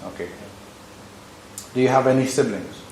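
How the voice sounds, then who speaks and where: A man's voice: mid-range voice, moderate pace, darkish tone, a little hiss or hum. Man interviewing, echoey room. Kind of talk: parish interview. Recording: roomy echo with faint background ambience.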